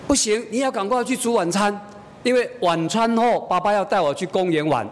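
A man's voice: a little fast, close to an everyday voice. A man voicing a stubborn, demanding little girl of about four, with an insistent, whiny manner. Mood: pleading. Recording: echoey hall, faint rumble.

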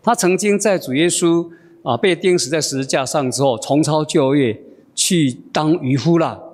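A man preaching a sermon with expressive delivery and frequent drawn-out fillers. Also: a little high, long reverb tail.

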